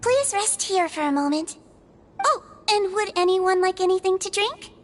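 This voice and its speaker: A woman voicing a small, earnest creature nurse in an anime game, polite and gently fussing. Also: very high-pitched, lively intonation, moderate pace, slight background noise. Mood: caring, insistent.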